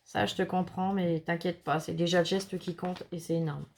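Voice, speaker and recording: A woman's voice: fairly low pitch, fairly even intonation, moderate pace, vocal fry, slight background noise. A woman hosting a craft video, chatting in a reassuring way and reading viewers' notes aloud. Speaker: craft channel host. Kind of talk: casual chat.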